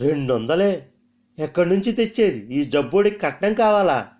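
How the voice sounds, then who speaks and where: A man's voice: fairly high pitch, sing-song, moderate pace, a little mellow, pitched above the performer's own voice. A man voicing a poor, weary older village woman who pleads and scolds. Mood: anxious.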